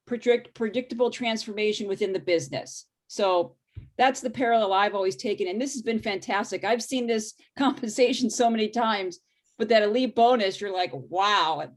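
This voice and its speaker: A woman's voice: fairly high pitch, darkish tone. A woman coach on a group video call, grateful and enthusiastic as she shares her view. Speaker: health coach. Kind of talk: casual sharing on a video call.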